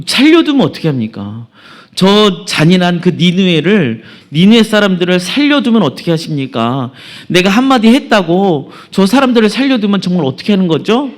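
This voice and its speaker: A man's voice: mid-range voice, darkish tone, natural voice. A man voicing an indignant male prophet who complains with exasperation.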